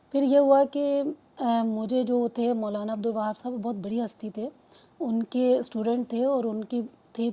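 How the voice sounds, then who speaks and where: Earnest woman telling a personal story. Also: a little high. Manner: earnest, rambling, often trails off into soft murmurs. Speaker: guest sharing a spiritual testimony.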